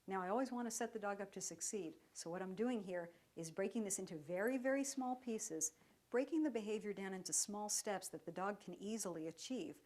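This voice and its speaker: A woman dog trainer giving a step-by-step lesson, speaking in a calm, even voice while she works with a dog. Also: mid-range voice, brisk. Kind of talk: instructional demonstration.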